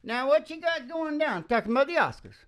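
Between songs at a live show in a small dim room, a middle-aged musician chats casually, rambling in a folksy, opinionated way and repeatedly asking "right?". His voice is extremely high, sing-song, brisk and fairly bright, picked up on a stand microphone close to his mouth with acoustic guitar playing around it.

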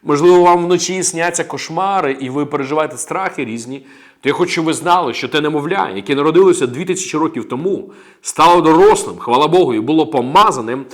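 A man delivers a sermon as pastor, his voice sitting a little high. He speaks emphatically and declares each point. He punctuates his lines with amens and praises. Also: fast.

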